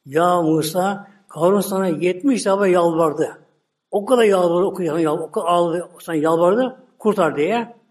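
A man's voice: high-pitched, moderate pace, a little mellow, close to an everyday voice. A man voicing God, speaking solemnly with authority.

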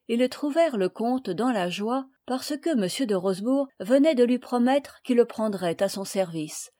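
A woman reading a children's novel aloud, with clear, expressive narration. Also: mid-range voice. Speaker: audiobook reader. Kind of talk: storybook reading.

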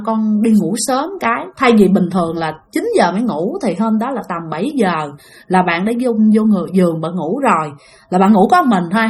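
Southern Vietnamese woman telling ghost stories. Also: medium pitch. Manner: conversational, addresses listeners directly. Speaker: storyteller. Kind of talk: spoken ghost-story narration.

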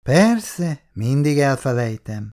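Man reading as a gruff old factory worker. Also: medium pitch, sing-song, darkish tone. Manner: gruff and indignant. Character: elderly male factory worker, proud and stubborn. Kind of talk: reading a novel aloud.

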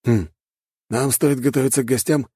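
A man reading a brisk, businesslike aide. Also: mid-range voice, fairly even intonation, warm tone, breathy edge, dry recording, clean studio sound, voice pushed up, lightly acted. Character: composed male aide, businesslike.

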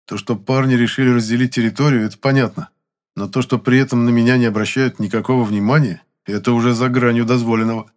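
A man narrating a first-person audiobook in an even, dry storytelling manner. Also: mid-range voice, fast talker.

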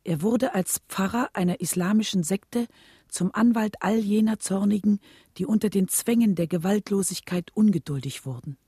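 An actress playing the earnest wife of a civil rights leader, looking back in measured, solemn radio drama narration. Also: female voice, medium pitch, dark tone, slightly rough, no room sound, studio quality.

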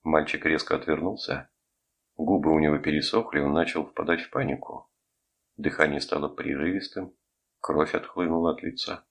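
Very deep, gravelly male narrator. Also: steady tone, moderate pace. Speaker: audiobook narrator. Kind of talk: scripted narration.

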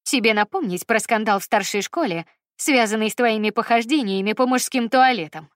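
A woman's voice: fairly high pitch, a little fast, dry recording, studio quality, close to an everyday voice. A woman voicing a harsh, scornful middle-aged mother who speaks coldly and with contempt. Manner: cold and contemptuous.

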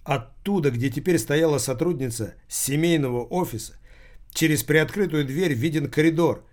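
A man narrating a crime novel audiobook in a steady, measured reading voice. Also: on the high side.

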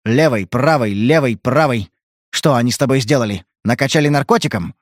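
A man's voice: medium pitch, brisk, dry recording, clean studio sound, lightly acted. A man voicing a tough detective who barks short, clipped orders in an audiobook. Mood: urgent coaxing. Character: tough male detective, commanding and blunt. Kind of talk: audiobook character reading.

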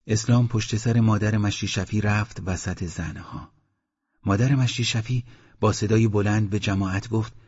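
Husky low-voiced male audiobook narrator. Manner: calm, measured reading. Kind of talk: scripted literary narration. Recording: dull lo-fi audiobook recording.

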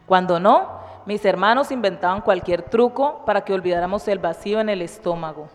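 A woman's voice: mid-range voice, a little fast. Woman reading her memoir aloud. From Cali, Colombia. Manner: chatty, laughing intro, then lively storytelling reading. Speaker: community participant reading from a women's book. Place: community cultural house. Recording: long reverb with faint music behind.

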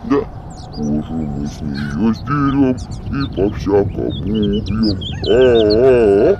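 A woman's voice: extremely low pitch, expressive, takes it slowly, highs cut off, background noise, voice pushed down, full character voice. A woman voicing a grumpy male bathhouse spirit who growls threats in a singsong lullaby. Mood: menacing lullaby.

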